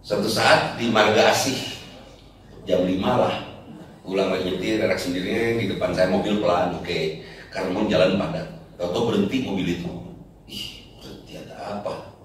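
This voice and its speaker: Recorded at a distance in an echoey hall full of people, a man with a lowish voice gives a funny Islamic sermon, with a little hiss or hum on the audio. He spins joking stories and asks the congregation rhetorical questions as the audience laughs.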